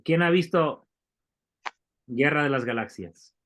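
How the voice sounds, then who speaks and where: A man's voice: a little high, takes it slowly, a bit bright. A man teaching a Bible Greek class, explaining step by step and asking the students questions. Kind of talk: classroom lecture.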